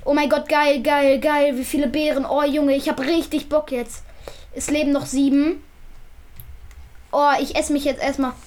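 A woman hosting a gaming video, chattering excitedly and repeating words rapidly while she plays. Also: high-pitched.

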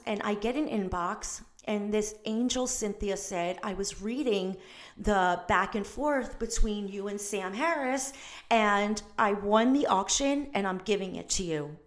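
A middle-aged woman hosts her own podcast in a loose, gushing monologue. She chats fast and breaks off mid-thought, then jumps back in. Her voice sits at an ordinary pitch for a woman. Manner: gushing, chatty, self-interrupting. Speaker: podcast host. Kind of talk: casual solo podcast monologue.

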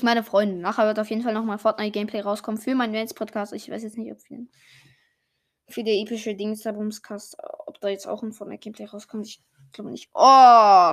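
A young, slangy gamer giving excited casual commentary while playing, full of exclamations and swearing. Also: medium pitch, a little fast. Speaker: gaming streamer playing a party game.

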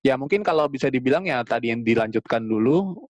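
A man co-hosts a casual podcast, speaking in loose slang and slipping into quoted reactions as he tells a story. His voice sits at an ordinary middle pitch. The recording is close and dry, with no room sound. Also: expressive, fast talker, no room sound. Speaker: podcast co-host. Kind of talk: casual chat.

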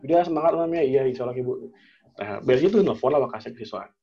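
A young man tells a personal story in a loose, chatty way, slipping into quoted dialogue with slangy fillers. His voice is a bit husky and sits at a medium pitch. The recording sounds dull and lo-fi. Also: expressive, fast talker. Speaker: guest telling a personal story. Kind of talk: casual storytelling chat.

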